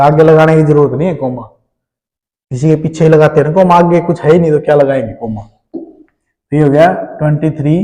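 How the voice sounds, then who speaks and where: A man's voice: on the high side, warm tone, big-room sound, low-quality recording. A man with an Indian accent teaching a math lesson, explaining step by step and often checking in with his students.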